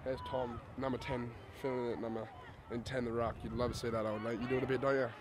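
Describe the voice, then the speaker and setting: Male rugby caller, quick steady delivery, flat tone, outdoor noise behind. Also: medium pitch. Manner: quick excitable play-by-play with many fillers. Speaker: sports commentator. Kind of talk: live rugby commentary. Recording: outdoor commentary with background noise.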